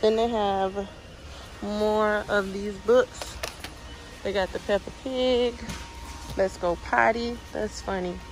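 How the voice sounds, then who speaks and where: A woman's voice: medium pitch, fairly even intonation, slow pace, long pauses. A young woman with a son, chatting casually as she browses aisles and reads out items and prices, recorded on a handheld phone in a large store. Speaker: shopping vlogger. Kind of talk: casual shop-with-me narration. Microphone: handheld phone camera. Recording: noisy phone audio in a busy store. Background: store ambience and noise.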